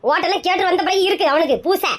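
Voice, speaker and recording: A woman's voice: extremely high pitch, very fast. A woman with a Kanyakumari Tamil accent, acting a bossy, scolding elder sister in a comedy sketch.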